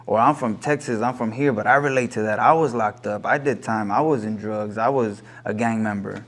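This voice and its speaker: A man's voice: on the low side, brisk. Earnest man in his thirties from LA. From Los Angeles. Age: 30s. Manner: earnest, reflective, slips into Spanish. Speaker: guest, corrido singer. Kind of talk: casual interview chat.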